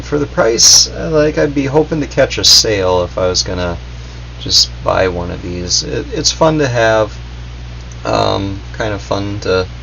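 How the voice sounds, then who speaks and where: Deep and fairly bright, his voice is marked by vocal fry. He reviews a gadget casually and without a script from a basement workbench, meandering, hesitating and avoiding firm verdicts. Expect muffled audio and a low hum in the background.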